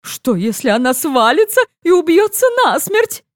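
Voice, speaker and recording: A fretful older lady with a thin, reedy voice, as a woman reader plays her frets aloud at a high pitch. She sounds anxious and breathless with worry in an audiobook scene. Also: sing-song, normal speed, no room sound, clean studio sound.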